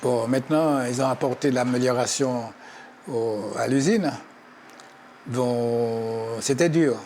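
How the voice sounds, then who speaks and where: An older man giving personal testimony in halting, short phrases. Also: medium pitch, a little mellow. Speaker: interviewee, former factory worker. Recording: clearly noisy location sound.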